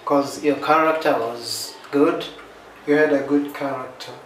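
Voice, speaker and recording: Laid-back young man, echoey room. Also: a little high. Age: young adult. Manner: laid-back, quick joking answers. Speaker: vlogger answering couple questions. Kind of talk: casual couple chat. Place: small living room, indoors. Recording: very echoey room with background hiss.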